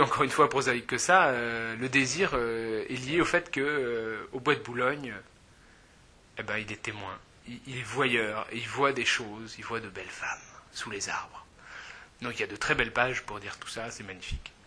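A man's voice: mid-range voice, a little fast, bright, forceful tone, husky. A man giving a casual, hesitant spoken summary of a novel, full of fillers and self-corrections, amused and chatty. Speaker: book reviewer.

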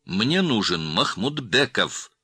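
A man's voice: fairly low pitch, sing-song, slow pace, bright, forceful tone, slightly rough, dry recording, pitched above the performer's own voice, heavily acted. A man voicing a frightened, demanding young woman who insists on getting through on the phone. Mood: insistent. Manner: urgent, insistent.

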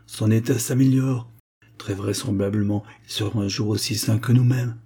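A man's voice: fairly low pitch, steady tone, moderate pace, dark tone, husky. A man reading aloud, voicing an anxious old blind father who speaks earnestly. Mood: hopeful. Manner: fretful, earnest.

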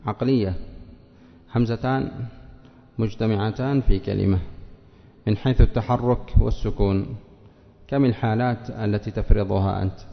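A male teacher who reads a passage aloud, then explains it step by step, drawing out example words slowly and quizzing his students. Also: lowish voice, vocal fry. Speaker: teacher of Arabic morphology. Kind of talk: classroom lesson reading and explaining a text. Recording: dull lo-fi lecture recording with long reverb.

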